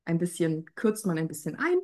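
A woman's voice: on the low side, sing-song, fairly quick, a little mellow. A woman who edits audiobooks, explaining her craft thoughtfully in an interview. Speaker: audiobook editor.

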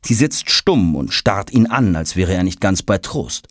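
A man narrating a children's audiobook in an expressive storytelling manner. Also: low voice, measured pace, no echo, clean studio sound.

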